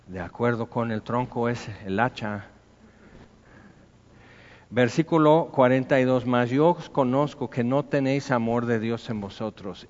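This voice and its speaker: Brief: Mexican male pastor, chatty sermon style, murmurs then bursts out, dull echoey church hall sound. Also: mid-range voice. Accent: Mexican Spanish. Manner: conversational preaching, acting out little dialogues, swings from hushed to loud.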